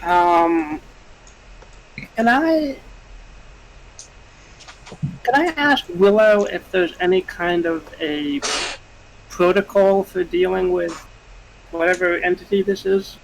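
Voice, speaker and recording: A player in a tabletop game, chatting casually in a hesitant, halting way. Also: mid-range voice, gravelly, rough recording.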